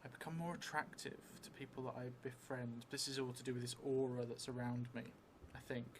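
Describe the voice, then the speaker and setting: In an indoor theatre room, a middle-aged man sits at a table and improvises a solo tabletop game, musing aloud and hesitating through long pauses. The solo role-player and streamer speaks at medium pitch, captured clearly against steady background noise.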